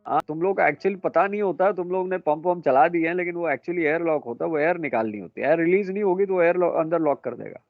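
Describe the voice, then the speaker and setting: A man lecturing students in a classroom, brisk and a little scolding as he quizzes them. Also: a little high, no room sound, narrow, tinny audio, faint music behind. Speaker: instructor.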